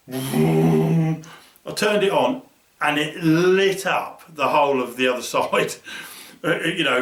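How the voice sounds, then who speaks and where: A man casually telling fishing stories, animated and swearing freely, acting out the voices of the people in his stories. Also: fairly high pitch. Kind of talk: casual storytelling. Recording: roomy, distant mic.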